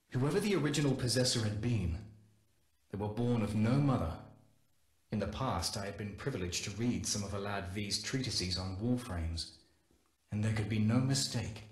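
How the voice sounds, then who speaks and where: A low-voiced male scientist, played by a man, recounts his journal entries in a measured, solemn way. The delivery is steady and sober, like a recorded game log, and the voice rings out in a roomy space. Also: natural voice. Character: Corpus scientist recounting a wild animal. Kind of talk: scripted game audio-log narration.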